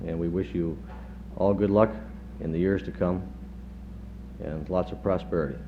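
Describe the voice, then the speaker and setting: A middle-aged man, a chief of staff, giving a halting tribute speech with dry humor, heard on old worn reel-to-reel tape. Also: low voice, steady tone. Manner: halting, many pauses and fillers, dry humor. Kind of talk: after-dinner tribute speech. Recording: dull worn 1970s tape with faint hum.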